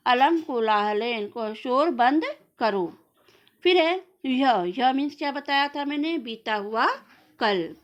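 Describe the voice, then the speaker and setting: A female school teacher gives a grammar lesson in class, posing a question, answering it herself and slowly repeating words for her students. Her voice sits high, and the recording is muffled.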